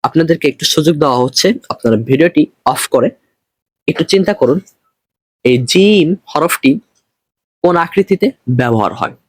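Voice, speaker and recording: A man teaching Arabic letters in an online lesson, patient and repetitive, stretching each letter name slowly, with a Bangladeshi Bengali accent. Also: fairly high pitch, expressive, no echo. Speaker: Quran reading teacher.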